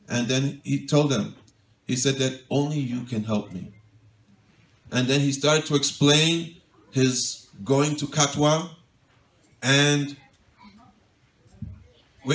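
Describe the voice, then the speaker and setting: A man giving a devotional sermon, recorded from across a roomy hall with a touch of faint background hum. His voice sits somewhat high for a man, and he tells the story gently and wistfully, sinking to a soft hush when he voices a plea. The mic is set well back from him. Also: far from the mic. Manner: gentle, wistful storytelling, voice drops soft and quiet for quoted pleas. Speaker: monk giving a devotional lecture.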